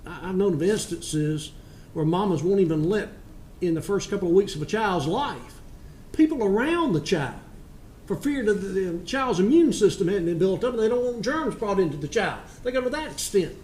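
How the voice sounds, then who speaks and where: Male judge: mellow, fairly high voice, stern and admonishing, folksy phrasing. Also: lively intonation, moderate pace. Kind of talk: sentencing remarks from the bench. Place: courtroom. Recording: echoey courtroom with faint noise.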